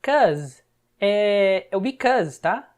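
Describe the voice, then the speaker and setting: A woman's voice: medium pitch, animated, a little mellow. Brazilian woman teaching English step by step. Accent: Brazilian Portuguese. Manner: explains word by word, often checks with a quick "tá?". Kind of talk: step-by-step language lesson.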